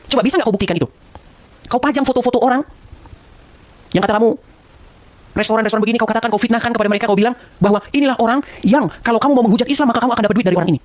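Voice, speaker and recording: A man delivers a rapid-fire rebuke straight to camera, repeating the name of the person he is scolding. His voice sits high and his pitch keeps climbing as he presses each point. The sound is dry and close, with no room echo.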